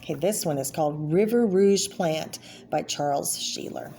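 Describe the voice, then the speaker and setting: A woman with a warm voice that sits low reads a children's picture book aloud. She explains things as she goes, stopping to name the pictures and make casual remarks about them.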